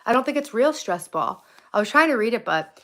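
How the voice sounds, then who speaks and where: Higher-voiced, blunt woman rambling on a livestream. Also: sing-song, fairly quick, fairly bright tone. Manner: blunt, swearing, easily sidetracked. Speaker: live streamer. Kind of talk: casual rambling chat with viewers. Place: indoors at home, moving between rooms. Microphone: phone, moving around. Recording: faint background noise.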